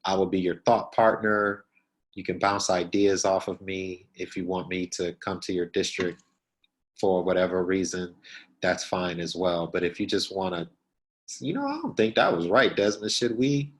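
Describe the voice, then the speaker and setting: A man's voice: sits low, steady tone, moderate pace, poor audio. A man giving an earnest keynote talk to new principals, direct and repeating his key points. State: out of breath. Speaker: keynote speaker.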